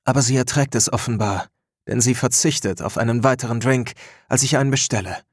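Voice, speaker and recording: A man narrating a story in the first person, measured and introspective. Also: medium pitch, slightly rough, no echo, studio quality.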